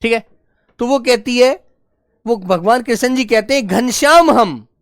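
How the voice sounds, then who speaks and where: A woman teacher giving a Hindi grammar lesson, dictating slowly and repeating phrases for her students to note down. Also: no echo, clean studio sound. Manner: acts out quoted dialogue with raised pitch.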